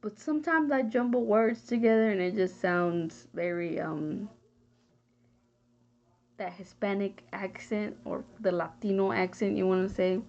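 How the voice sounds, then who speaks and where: A woman's voice: mid-range voice, a little slow, darkish tone. A young woman from Texas giving a casual, rambling spoken answer for a class, often hunting for words and trailing off. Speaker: student. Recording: dull lo-fi home recording.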